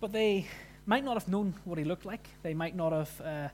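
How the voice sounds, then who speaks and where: A man preaching a sermon, explaining scripture in an informal, conversational way with pauses. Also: high-pitched, a little mellow, slight background noise.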